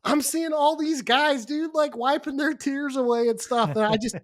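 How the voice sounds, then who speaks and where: Casual podcast co-host, a man with a fairly high voice, rambling and earnest. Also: normal speed. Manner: rambling, earnest, says "dude" and "like" often. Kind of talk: casual chat.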